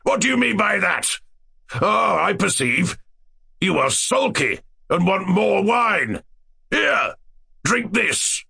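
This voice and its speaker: A man voicing a tyrannical, boisterous king from a classic story, with a rough, imperious, blustering delivery. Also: a little high, sing-song, unhurried, pushed and bright, voice pushed up, heavily acted. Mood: furious. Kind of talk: dramatic reading of a classic story.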